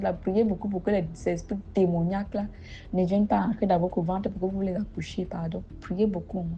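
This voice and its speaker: A woman's voice: mid-range voice, warm tone. A woman, telling a village story in a casual spoken way, often hesitating and repeating words. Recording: dull lo-fi audio with background music.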